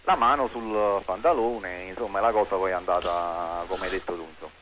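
A man, a hesitant, placating caller who is quick to agree. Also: low voice, fairly bright tone, a little hiss or hum.

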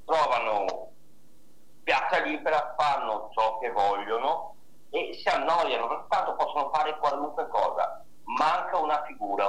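A man's voice: mid-range voice, a bit bright, slight background noise. A man calling in to a radio show on speakerphone, sounding distant. He talks in an earnest, moralizing way and stumbles on repeated syllables. He works with young people. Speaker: radio call-in caller. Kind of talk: opinionated call-in talk. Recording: echoey distant speakerphone call.

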